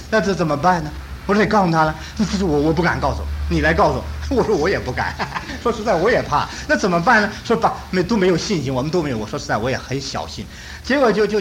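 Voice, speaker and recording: A man preaching and telling a story in an animated way, acting out the dialogue. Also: on the high side, slight background noise, low-quality recording. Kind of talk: sermon storytelling.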